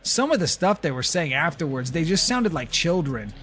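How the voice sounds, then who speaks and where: A man's voice: on the high side, very animated, normal speed, fairly bright tone. A man streaming a video game and chatting casually, ranting bluntly and swearing. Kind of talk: casual livestream chat while gaming.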